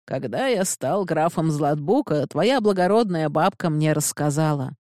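A woman reads as a frail, forgetful old count in an audiobook, his words coming slow and halting. The voice trembles. The tone stays low and mellow, close and dry. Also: expressive, no room sound. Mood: solemn. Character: frail old confused count, grieving father.

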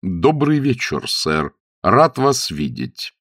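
A man's voice: mid-range voice, big pitch swings, slow, a bit bright, no echo, studio quality, voice pushed up, full character voice. A man voicing a dignified, formal middle-aged butler in a read-aloud story. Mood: solemn.

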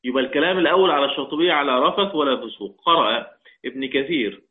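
A man with an Egyptian accent teaching the Quranic readings, drawing out quoted verses slowly and checking in with his listeners. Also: fairly high pitch. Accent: Egyptian Arabic. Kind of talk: religious lesson explaining a poem on the readings. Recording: tinny phone-like audio.

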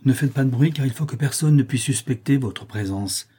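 Furtive guide in a storybook, brisk and hushed, read by a man. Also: medium pitch, breathy edge. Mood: reassuring. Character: secretive man guiding a hiding family.

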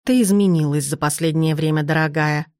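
A woman voicing an imperious, sharp-tongued old duchess grandmother in an audiobook, in a commanding, dry manner. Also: fairly low pitch, normal speed, no echo, natural voice. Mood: earnest. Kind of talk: audiobook character reading.

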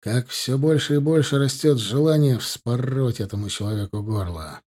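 Male audiobook narrator, dark mellow tone, cold and grim, steady scripted first-person reading. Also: medium pitch, moderate pace.

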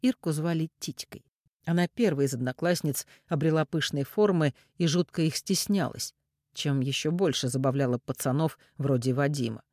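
A man narrating a crime story in expressive, scripted storytelling. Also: fairly high pitch, normal speed, no echo, clean studio sound. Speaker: audiobook narrator.

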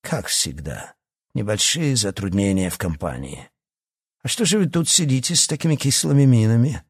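A man's voice: medium pitch, very animated, moderate pace, breathy edge, pitched above the performer's own voice. A man doing a genial rich old baron. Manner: courteous and warm. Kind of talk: audiobook character voice.

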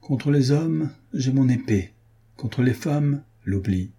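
A man's voice: medium pitch, animated, slow, mellow, slightly rough, voice pushed up, exaggerated voice. A man reading a coolly ironic young nobleman. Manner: firm, polite, coolly ironic. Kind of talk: audiobook character reading.

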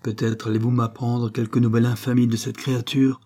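A man's voice: mid-range voice, level tone, a little fast, mellow, lightly acted. A man reading an anxious, sorrowful noble mother in an audiobook, in a sighing, lamenting way.

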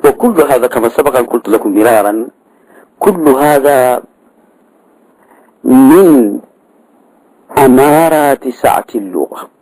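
A man's voice: mid-range voice, lively intonation, measured pace, pauses often, warm tone, no echo, rough recording. A man teaching grammar, explaining a verse text in a lecture, repeating key words and prompting with short tags.

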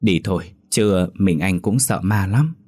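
A man's voice: deep voice, unhurried, darkish tone, husky. A man voicing a young villager in his twenties who speaks curtly in a narrated ghost story.

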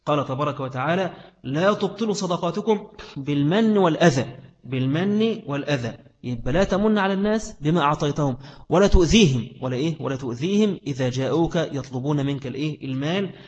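A man's voice: on the high side, lively intonation, fast, muffled recording. A man with an Egyptian Arabic accent giving a religious lesson, stressing points by repeating phrases and asking rhetorical questions. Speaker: preacher. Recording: long hall reverb.

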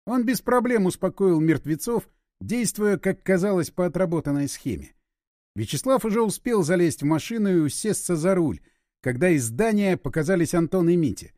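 Lively high-voiced male audiobook narrator. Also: normal speed, no echo, studio quality.

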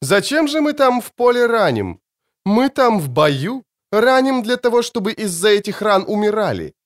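A man's voice: fairly high pitch, very animated, measured pace, a bit bright, voice pushed up. A man voicing a cold, cruel male elf commander who drawls his words in a sinister, mocking way. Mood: menacing.

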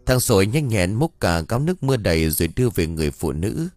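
A man narrating an audiobook story in a steady, even telling. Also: fairly low pitch, fast talker, dry recording, studio quality, soft background music.

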